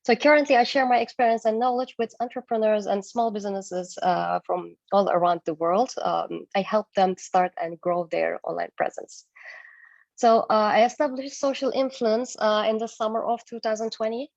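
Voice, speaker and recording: This Turkish agency founder, a guest speaker, hesitantly presents her business with slides over a video call, dropping in lots of fillers. Her voice is on the high side, steady, gravelly, and darkish, at a moderate pace. The recording is dry, and the video call mic makes it sound dull.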